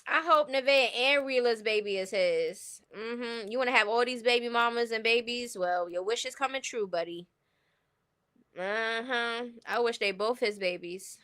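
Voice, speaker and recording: Casual and slangy, a woman with a New York accent hosts a livestream where she gives blunt, opinionated takes on gossip. She's from New York City, and her smooth voice is a little high and a bit bright, moving at a normal speed.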